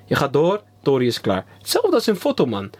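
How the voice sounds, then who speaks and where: A man, co-hosting a podcast in casual chat, rambling with many pauses and slang. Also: mid-range voice, huge pitch swings, darkish tone, slightly rough. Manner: rambling, pauses with ehm, slang-heavy storytelling. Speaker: podcast co-host.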